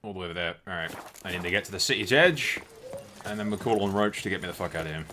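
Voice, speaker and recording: A man's voice: sits low, racing, pushed and bright, a little hiss or hum. A man giving casual, sarcastic gameplay commentary and swearing freely as he goes. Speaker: let's play host.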